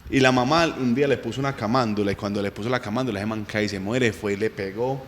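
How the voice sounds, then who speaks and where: A man with a Colombian accent casually telling a faith testimony as a guest, lively and self-mocking with frequent chuckles. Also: on the low side, fast, in a large hall, slight background noise. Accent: Colombian Spanish.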